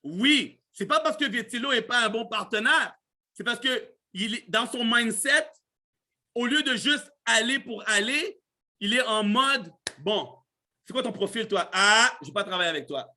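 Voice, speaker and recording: A man's voice: very high voice, a little slow, bright, forceful tone. A man tinged gives a casual motivational talk to a live chat, animatedly repeating himself and dropping in words. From Canada. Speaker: host of a live online business training.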